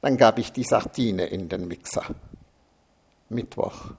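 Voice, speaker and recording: A man's voice: fairly low pitch, unhurried, vocal fry, a little mellow, a little hiss or hum. A man reading a humorous first-person story aloud, with a sardonic, dryly mocking delivery. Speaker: narrator.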